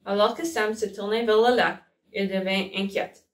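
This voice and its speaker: A woman reads a children's picture book aloud at a careful pace, stopping now and then to correct herself. Her voice is mid-pitched and sounds distant in an echoey room. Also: fairly even intonation. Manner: slow careful reading with self-corrections. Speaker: storyteller. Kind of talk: children's storybook read-aloud. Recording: roomy, from a distance.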